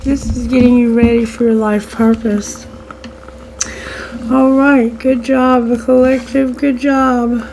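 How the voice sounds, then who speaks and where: Taking it slowly, the woman giving a tarot reading on her channel talks directly to her collective listeners in spiritual, prayerful language. Her fairly high voice moves little in pitch and sounds strained and fading over a noisy background.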